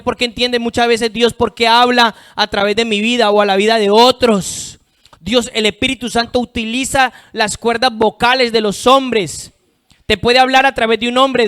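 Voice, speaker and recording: High-voiced preacher with big swings. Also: male voice, smooth. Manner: emphatic, swings from loud to hushed; reads scripture aloud. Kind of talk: sermon.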